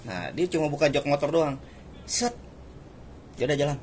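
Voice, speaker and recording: A man's voice: on the high side, lively intonation, racing, a little mellow, slight background noise. A man telling school-day stories in a casual chat, acting out quoted exchanges and laughing often. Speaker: guest storyteller.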